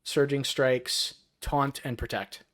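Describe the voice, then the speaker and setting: A man's voice: mid-range voice, fairly even intonation, slow, a bit bright. Rambling man thinking aloud. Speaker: streamer analyzing a match broadcast. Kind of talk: live match analysis.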